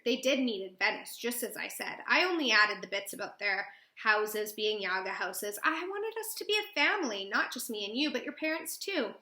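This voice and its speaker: A woman voicing a gentle, wise old grandmother in a storybook, speaking softly and haltingly, in a roomy echo. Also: on the high side.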